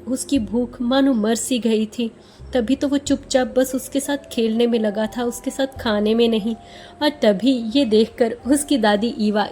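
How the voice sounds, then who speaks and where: High-voiced woman narrating a story. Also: darkish tone, a little hiss or hum. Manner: emotional, dramatic storytelling. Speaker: manhwa recap narrator.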